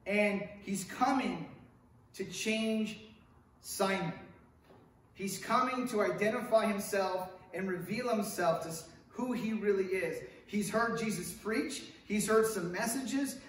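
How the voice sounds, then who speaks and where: This middle-aged Hollywood, California man preaches at a lectern in a church sanctuary with a stone wall, conversational and animated, gesturing widely and questioning the congregation. He has a high voice and speaks slowly, with a little hiss or hum. A stand mic sits at the lectern, and a far-off camera records the very echoey sanctuary.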